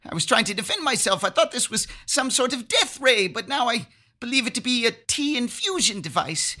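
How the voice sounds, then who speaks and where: A man voicing a flustered, excitable mad scientist, an eccentric tinkerer in an audio role-play. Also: extremely high pitch, moderate pace, heavily acted. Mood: flustered, excited.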